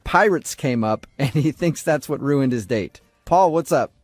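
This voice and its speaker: A man's voice: mid-range voice, expressive, measured pace, no room sound, soft background music. Joking male radio host. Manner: teasing, laughs between questions. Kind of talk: morning radio banter.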